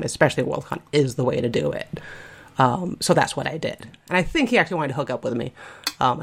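A woman in her forties, from Spain, chatting casually on a podcast in a rambling, self-interrupting way. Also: extremely low pitch. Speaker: podcast co-host. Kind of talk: casual conversational chat.

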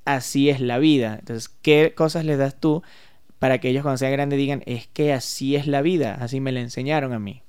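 A man's voice: medium pitch, fairly even intonation, brisk, darkish tone, clean tone. A man who is a music therapist, explaining ideas in a casual podcast interview, thinking aloud with small hesitations.

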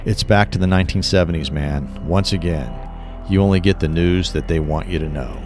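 A man's voice: low voice, brisk, natural voice. A man voicing a paranoid middle-aged former tech worker who talks urgently and insistently, with music behind. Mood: earnest.

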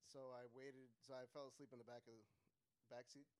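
A man's voice: mid-range voice, little pitch movement, fairly quick, smooth. A man, a comedian guest, telling a casual comic story in a rambling way, full of "like" and laughing at his own lines.

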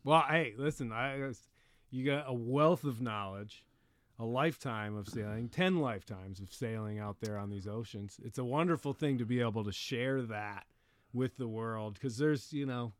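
A male podcast host with a mid-pitched voice, recorded dry and close. He chats in an informal, folksy manner and encourages his guest as he goes. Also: moderate pace, no room sound. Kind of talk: casual conversational interview.

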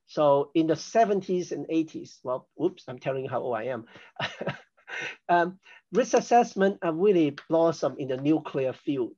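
A man's voice: fairly high pitch, lively intonation, normal speed, dark tone. Older guy from hong kong chatting away, explains things patiently, bit lo-fi sound. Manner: chatty and explanatory, self-deprecating with laughs. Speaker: podcast guest, risk assessment expert. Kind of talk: conversational interview.

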